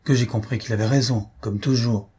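A man's voice: medium pitch, fairly even intonation, brisk, dark tone, husky. A man reading an audiobook, voicing a stern, practical middle-aged aunt who lectures bluntly, raised well above his own voice. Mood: insistent. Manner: lecturing, firm and cutting.

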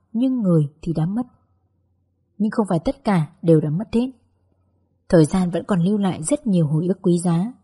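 A woman narrating a first-person audiobook story in a gentle, wistful way. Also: mid-range voice, slightly rough.

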